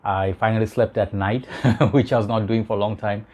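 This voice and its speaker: Casting: male vlog reviewer, low and very mellow, ghostly recovering voice, casual and rambling. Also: steady tone, moderate pace. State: recovering from illness, weakened ghostly morning voice. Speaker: fragrance reviewer.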